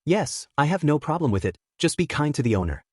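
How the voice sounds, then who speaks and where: A hardened martial arts master, weary and full of regret, speaking with a somber weight, as a man reads him in a storybook. His pitch moves in lively swings over a dry, close recording. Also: a little fast, no echo. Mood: sick.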